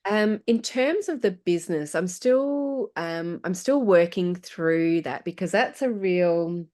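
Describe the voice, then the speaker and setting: A middle-aged woman, a podcast guest, tells a personal story in a relaxed conversational way. Her voice sits on the low side. She talks with animation and breaks into laughter easily. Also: takes it slowly.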